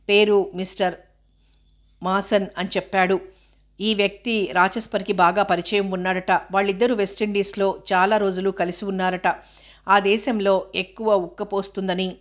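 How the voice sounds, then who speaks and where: A woman reading a first-person story aloud in a steady, measured narration. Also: medium pitch. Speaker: audiobook narrator.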